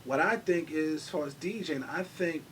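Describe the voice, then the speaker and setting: A man's voice: normal speed, a bit bright. A man from New hosting a casual talk show, speaking in laid-back slang and saying "you know what I mean" a lot. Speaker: show host. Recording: distant mic with faint rumble.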